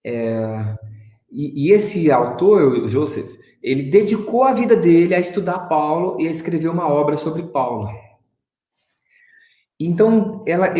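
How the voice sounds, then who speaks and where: A man's voice: on the high side, a little mellow, roomy sound. A man as guest speaker in an online spiritist talk, chatty and self-mocking.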